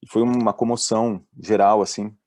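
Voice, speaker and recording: A man with a Brazilian accent, a doctor giving a talk on mental health at work, telling lively stories and voicing the people in them. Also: on the low side, normal speed, dry recording, clean studio sound. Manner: lively storyteller, voices the people in his stories. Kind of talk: presentation with acted-out anecdotes.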